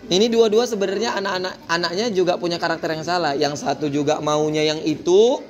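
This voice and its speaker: A man, a kindergarten teacher giving a lively talk to parents and often addressing the mothers. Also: high voice, brisk. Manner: animated, mimics children's voices, keeps addressing the mothers.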